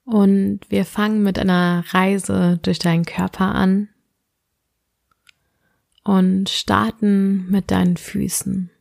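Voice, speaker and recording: A woman narrating a soothing sleep meditation like a bedtime guide, in a gentle, unhurried manner with drawn-out phrases. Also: mid-range voice, level tone, vocal fry, dry recording, studio quality. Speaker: podcast host and meditation guide.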